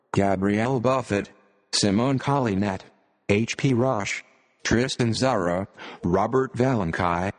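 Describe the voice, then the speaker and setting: A computer-generated male voice like an old speech synthesizer, reading scripted narration with stiff, robotic, measured phrasing. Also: lowish voice, long reverb tail. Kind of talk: scripted narration, read aloud.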